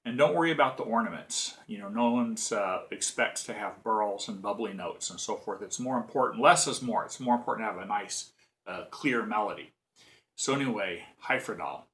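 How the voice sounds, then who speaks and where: A man's voice: lowish voice, animated, normal speed, a bit bright. Man casually explaining bagpipe hymn tunes. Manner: rambling, explanatory, with frequent restarts. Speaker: bagpipe teacher. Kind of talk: casual spoken music lesson.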